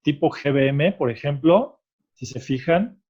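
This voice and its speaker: Speaking at a measured pace with a voice on the high side, a tax expert guest with a Mexican Spanish accent patiently explains tax rules. He checks understanding often with "¿ok?" after points. His tone is a little mellow with a breathy edge, and the recording's highs are cut off.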